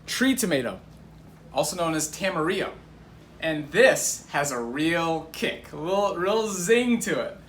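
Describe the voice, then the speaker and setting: Here the guest presenting tropical fruits sounds fairly high and very animated, yet keeps a measured pace as he explains with casual enthusiasm. Audible background noise and a roomy echo fill the recording.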